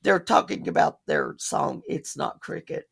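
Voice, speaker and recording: A woman's voice: sits low, expressive, a little slow, vocal fry, husky. A woman co-hosting a podcast in casual chat, chatty and laughing often. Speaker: podcast co-host.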